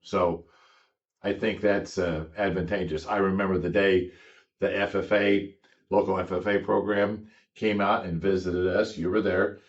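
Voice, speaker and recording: A middle-aged American man, a farmer, talking casually in a reflective, halting way. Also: low-pitched, level tone. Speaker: farmer guest. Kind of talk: casual conversation. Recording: distant mic, dull muffled sound.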